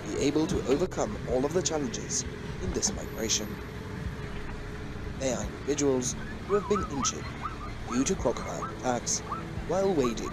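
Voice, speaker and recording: A man reading scripted narration for a wildlife documentary. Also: medium pitch.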